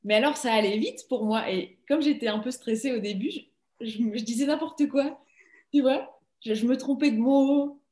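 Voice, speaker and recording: A woman's voice: on the high side, normal speed, darkish tone, reverberant. A young woman from Belgium, an actress, chatting casually and laughing often in an interview over a video call.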